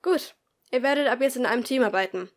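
A woman's voice: fairly high pitch, quick pace, lightly acted. A woman reading an amateur audiobook, voicing a strict female schoolteacher in a raised, commanding voice. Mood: firm. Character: stern female schoolteacher, middle-aged, strict.

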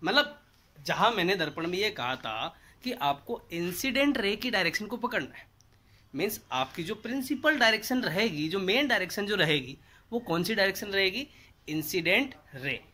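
Man in his 30s at a whiteboard, lively teacher voice, keeps asking then answering, camera mic a few feet off. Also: sits high, normal speed. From India. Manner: animated, asks rhetorical questions and answers them. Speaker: physics teacher. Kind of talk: whiteboard lesson. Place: indoors at a whiteboard.

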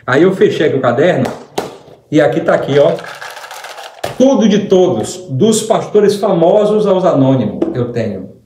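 A man's voice: a little high, moderate pace, a little hiss or hum. A man with a Brazilian accent telling a story in casual, slangy talk and acting out what others said. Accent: Brazilian Portuguese. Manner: animated and slangy, often acting out quotes. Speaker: commentator exposing a preacher. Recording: roomy echo.

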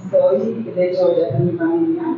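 A woman from Panama in the audience speaks in an excited, halting way. She sounds far from the mic, with a tinny, phone-like sound in a very echoey hall and clear background noise. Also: fairly low pitch. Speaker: audience member.

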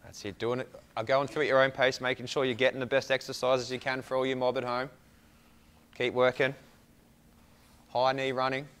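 A man's voice: mid-range voice, level tone, a little fast, long pauses, fairly bright tone, clean tone. A young Australian man working as a fitness coach, calling out short instructions and encouraging praise as he leads a home workout. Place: indoor room with hard floor and whiteboard.

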